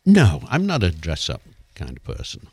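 Deep-voiced older man, reflective. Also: wildly swooping pitch, moderate pace, gravelly, a little mellow, slightly rough, no room sound. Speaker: radio show co-host. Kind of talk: casual chat.

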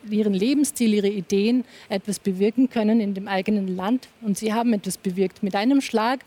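A woman from Afghanistan argues with passion on a television panel. Her voice is mellow and warm rather than bright. She keeps pressing her point and talks over anyone who cuts in. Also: medium pitch, fairly quick. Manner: insistent, impassioned, talks over interruptions. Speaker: panel guest. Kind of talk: heated TV panel debate.

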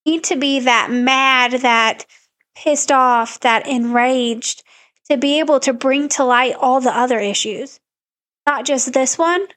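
A woman's voice: high voice, a bit bright, clear, resonant tone. A woman co-hosting a podcast, giving earnest, encouraging advice in casual chat. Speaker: podcast co-host.

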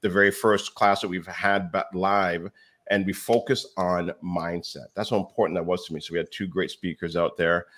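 A man guesting on a podcast, telling stories with lively acted-out dialogue and explaining his real estate education company. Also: low-pitched, normal speed. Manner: animated storyteller, acts out quoted dialogue.

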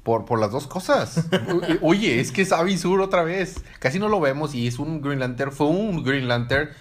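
A man chatting casually about comics, excitable and joking. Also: fairly high pitch, moderate pace.

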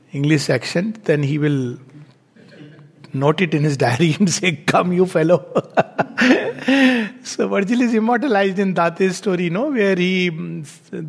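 High-voiced man lecturing in a reverberant hall. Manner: musing, unhurried, frequent chuckles and "you know" fillers. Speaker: lecturer on poetry. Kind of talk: reflective spoken lecture.

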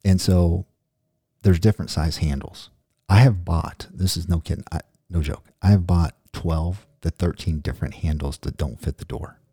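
A man's voice: low-pitched, steady tone, normal speed, mellow, slightly rough, dry recording, clean studio sound. A middle-aged man hosting a podcast in casual chat, rambling and joking off on tangents. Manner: rambling, jokey, goes off on tangents. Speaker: podcast host.

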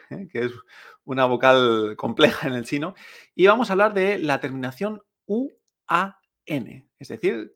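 A man from teaching Chinese pronunciation. He is patient, repeats sounds slowly and keeps checking in with "¿eh?". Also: fairly high pitch, creaky, a bit bright. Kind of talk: pronunciation lesson.

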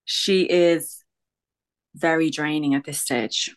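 A woman's voice: sits low, steady tone, slow pace. An Irish woman co-hosting a podcast, chatting casually in a blunt, sweary way with an Irish accent. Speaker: podcast co-host. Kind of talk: casual gossip chat.

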